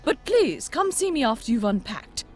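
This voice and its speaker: A woman's voice: fairly high pitch, very animated, moderate pace, darkish tone, faint music behind. An actress voicing a stern older woman in a video game, brusque and dismissive. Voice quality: brusque, curt.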